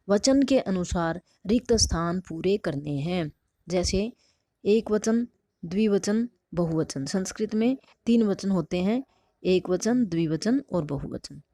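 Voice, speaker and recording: A woman's voice: mid-range voice, dark tone, no room sound. Patient woman teacher, dry sound. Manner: patient, asks and answers her own questions. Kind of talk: explaining a textbook lesson.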